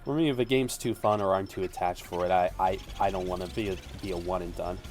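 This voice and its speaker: Low-voiced man sharing game trivia. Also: steady tone, fast talker, a little mellow, soft background music. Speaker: let's play commentator. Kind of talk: casual gaming commentary.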